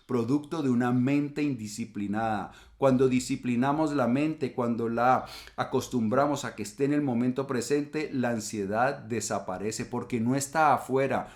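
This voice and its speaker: Calm man explaining philosophy. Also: medium pitch. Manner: calm explanatory, acts out quoted insults. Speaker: channel host. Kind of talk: reflective philosophy talk.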